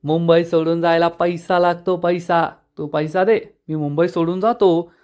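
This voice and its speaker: A man's voice: on the high side, flat delivery, unhurried, darkish tone, natural voice. A man voicing a cocky drunk male thug in a retold TV serial, mocking and swaggering.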